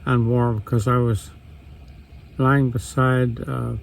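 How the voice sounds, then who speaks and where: An older man with a phlegmy throat at an outdoor campsite, giving short, easygoing replies and clearing his throat often. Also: mid-range voice, flat delivery, takes it slowly, slight background noise. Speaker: camping vlog co-host. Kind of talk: casual chat.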